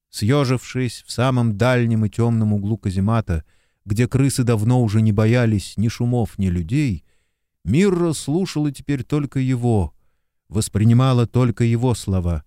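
Slow, measured male audiobook narrator. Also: mid-range voice, no echo, studio quality. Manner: even, measured storytelling. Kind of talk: scripted narration.

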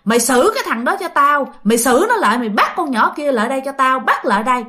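A fierce, fanged old hag with a Southern Vietnamese accent, spitting curses and threats in a spoken ghost story, as a woman narrator puts her on. The voice rides high and bright, leaping about in pitch. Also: expressive, fast talker. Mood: snarling. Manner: snarling, cursing threats.

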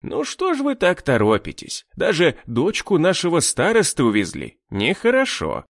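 A man's voice: a little high, huge pitch swings, moderate pace, dry recording, studio quality, heavily acted. A man voicing a cruel young male villain who taunts with a mocking, menacing drawl, in an audiobook. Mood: sneering menace.

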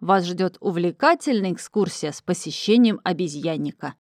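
A woman's voice: fairly low pitch, lively intonation, moderate pace, darkish tone, no room sound, studio quality. A woman voicing a cheerful, mocking male police escort, in an audiobook reading. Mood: jovial.

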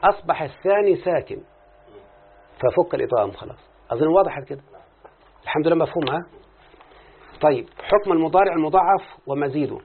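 A man with an Egyptian Arabic accent teaches grammar with examples, checking often that the listener is with him. His slightly high, breathy voice moves quickly with lively intonation yet includes long pauses. The classroom lecture comes through muffled, as if on a phone.

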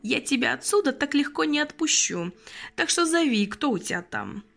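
Female reader voicing a lively, high-pitched old man, soft-hearted and quick to tear up, in an audiobook. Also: vocal fry, faint music behind, exaggerated voice. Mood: jovial. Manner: tearful, fussy, exclamatory. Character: kindly, emotional old man, a retired train conductor.

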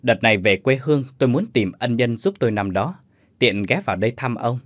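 A man's voice: medium pitch, animated, no room sound, studio quality, natural voice. Ông Quang, a grave old man, voiced by a narrator. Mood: solemn. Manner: grave, measured. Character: dignified old man near sixty, grateful and solemn.

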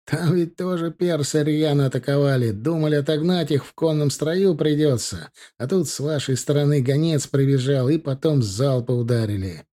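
A man's voice: fairly high pitch, moderate pace, hardly any pauses, close to an everyday voice. A man voicing an eager young dragoon officer. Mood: excited. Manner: excited, lively. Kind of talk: audiobook character voice.

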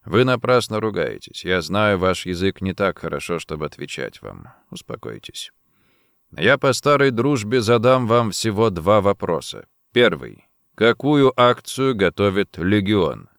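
A man voicing a calm, clever male secret agent who speaks quietly and deliberately. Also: fairly low pitch, vocal fry, dry recording, clean studio sound, full character voice. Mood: calm menace.

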